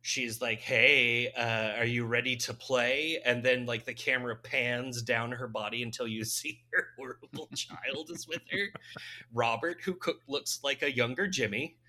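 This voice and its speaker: Male podcast co-host, bright mid-pitched voice, chatty rambling movie recap with frequent laughs. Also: moderate pace. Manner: rambling, amused, laughs often. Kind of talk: casual chat.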